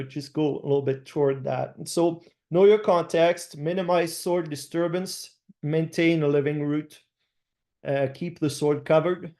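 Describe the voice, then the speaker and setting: A middle-aged man with a French accent, a farmer giving an online slide presentation over a video call, speaking haltingly with many fillers and restarts. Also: fairly high pitch, darkish tone. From France. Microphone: video call webcam.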